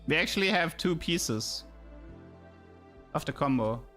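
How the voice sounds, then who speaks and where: A German man speaks English with a German accent while streaming a game, chatting casually and thinking aloud, often repeating words. His voice sits on the high side, animated yet unhurried, with a bright, forceful tone. Music plays in the background.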